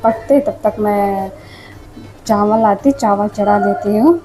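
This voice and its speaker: A woman's voice: medium pitch, slow pace, mellow, faint music behind, low-quality recording. A young woman chatting casually to her viewers while she cooks at home. She is hot and itchy from the heat and keeps calling her audience "friends". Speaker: home vlogger. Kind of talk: casual home cooking vlog narration. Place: home kitchen. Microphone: clip-on mic.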